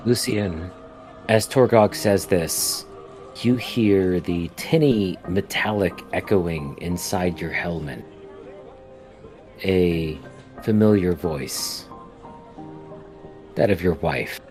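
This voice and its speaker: A man with a very deep voice narrates as game master, drawing each phrase out slowly. He sounds a little away from the mic, with faint music beneath. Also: a little mellow.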